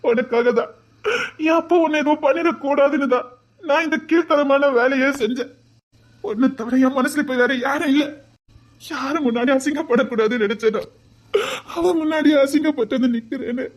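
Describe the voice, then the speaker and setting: A man's voice: very high voice, moderate pace. An actor with a Tirunelveli Tamil accent playing a heartbroken young man, a loving uncle who sobs and pleads tenderly. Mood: anguished, sobbing. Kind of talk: web series melodrama acting.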